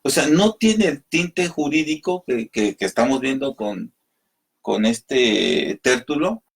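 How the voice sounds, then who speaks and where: A man teaches a Bible study over the radio, patient and explanatory. His voice sits somewhat high for a man. He reads passages of scripture aloud and addresses his listeners as brothers. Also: slightly rough. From Mexico.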